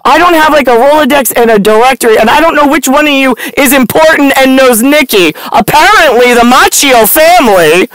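At night in a parked car, a vlogger in her forties delivers a blunt, sardonic, profane stream-of-consciousness monologue to the camera from close up, her hands moving animatedly. She speaks briskly in a high voice with few pauses, on a dry, rough recording.

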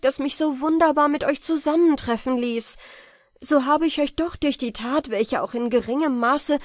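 A woman's voice: medium pitch, a little mellow, no room sound, clean studio sound, natural voice. A woman voicing a modest, noble-minded young man who speaks formally and politely. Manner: formal, polite, old-fashioned speech.

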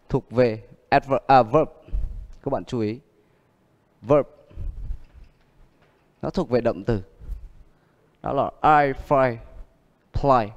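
A man teaching English word stress, explaining in a calm lesson voice and repeating each example word several times. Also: medium pitch, long reverb tail, muffled recording. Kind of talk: exam prep pronunciation lesson.

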